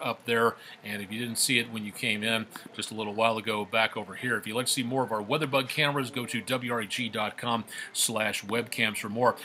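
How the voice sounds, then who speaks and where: A male TV meteorologist doing a live weather forecast, ad-libbing loosely and repeating himself, his voice coming through a faulty mic on a low-quality stream. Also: bright, forceful tone, slight background noise. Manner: loose, repetitive, filler-heavy ad-libbing. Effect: low-quality stream audio from a faulty microphone.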